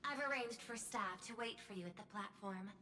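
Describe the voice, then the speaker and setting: A woman's voice: medium pitch, brisk, pushed and bright, a little hiss or hum, close to an everyday voice. An actress voicing a poised, calculating woman CEO in a video game, formal and faintly menacing.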